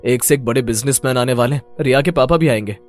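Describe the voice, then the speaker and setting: A man voicing a young businessman husband in an animated story, speaking earnestly and plainly. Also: mid-range voice, quick pace, faint music behind, lightly acted. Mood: eager.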